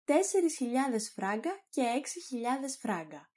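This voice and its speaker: A woman's voice: sits high, big pitch swings, darkish tone, slightly rough, exaggerated voice. A woman reading a fussy, grumpy old hypochondriac. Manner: irritable, fussy, demanding. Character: grumpy older male hypochondriac master.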